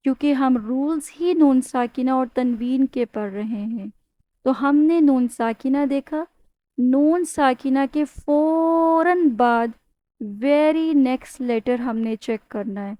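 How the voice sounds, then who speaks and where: A woman's voice: a little high, warm tone, dry recording. A woman teaching a Tajweed lesson, explaining patiently step by step, asking her students questions and stretching out example words with a nasal hum. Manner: draws out demonstration words with nasal humming. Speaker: Quran recitation teacher.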